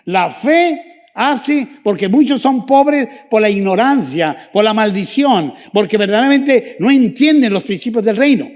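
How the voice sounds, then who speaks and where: A man's voice: sits high, lively intonation, measured pace. A man preaching a church sermon as pastor, then leading the congregation in fervent prayer. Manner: fervent preaching, rising and dropping to hushed prayer.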